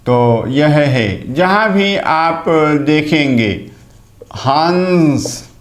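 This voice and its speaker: A man teaching a Sanskrit grammar lesson in an online class, explaining slowly and repeating key terms. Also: on the high side, lively intonation, reverberant. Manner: slow, deliberate explaining with repetition. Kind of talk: online lecture.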